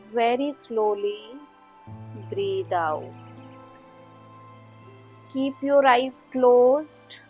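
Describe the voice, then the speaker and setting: Leading a guided meditation, an Indian-accented female instructor speaks calmly on the high side, offering short instructions and leaving long pauses.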